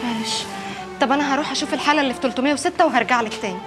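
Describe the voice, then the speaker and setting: An actress playing a curt, firm hospital nurse with an Egyptian accent. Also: female voice, sits high, racing, music in the background, lightly acted.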